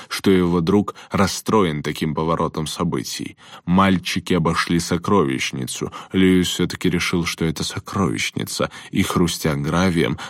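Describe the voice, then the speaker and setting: A man narrating an audiobook chapter in a measured, steady storytelling manner. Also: low voice, no echo, clean studio sound. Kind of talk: scripted narration.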